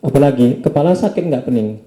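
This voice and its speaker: A man, an Islamic preacher, gently questioning a patient after a healing session, often ending his questions with a tag asking for agreement. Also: medium pitch, expressive, fast, reverberant, rough recording.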